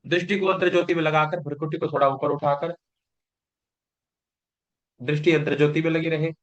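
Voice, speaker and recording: A man's voice: a little high, flat delivery, fairly quick. A man teaching a recorded yoga exam-prep lecture, explaining patiently and often asking and answering his own questions. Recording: dull lo-fi class recording.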